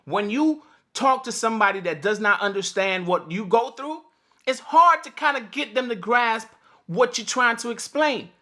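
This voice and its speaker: A man's voice: extremely high pitch, moderate pace, pushed and bright. A man hosting a casual morning livestream, greeting viewers by name and laughing often, his voice a little cracked. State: slightly cracked voice. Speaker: host of a morning livestream for delivery drivers.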